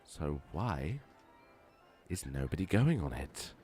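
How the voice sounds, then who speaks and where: A man with a low, hoarse voice chatting his way through a game. His commentary is casual and playful, full of jokey asides to the viewers. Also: big pitch swings, takes it slowly, warm tone, faint music behind. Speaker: let's play gamer.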